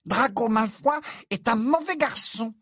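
A woman doing a squeaky, devoted little house-elf. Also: lively intonation, unhurried, breathy edge, no echo, studio quality. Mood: indignant. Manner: earnest and breathless, always addressing his master formally. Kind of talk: audiobook character voice.

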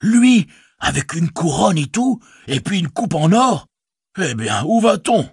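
A man voicing a chatty, fretful stout innkeeper who rambles and exclaims, with a husky voice. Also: high voice, sing-song, measured pace, no room sound, studio quality, pitched above the performer's own voice, exaggerated voice. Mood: excited.

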